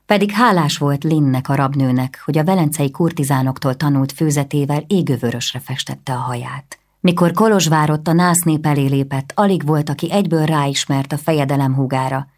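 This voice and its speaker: A woman reading a historical novel aloud as an audiobook narrator, in a measured, even way. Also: low-pitched. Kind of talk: scripted narration.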